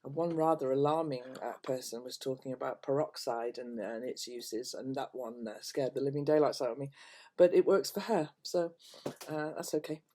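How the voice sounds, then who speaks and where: An older woman vlogger chats casually to her viewers at home, meandering and hesitant, with phrase endings that trail off softly. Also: extremely low pitch, steady tone, normal speed. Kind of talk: casual rambling chat to camera. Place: at home, indoors.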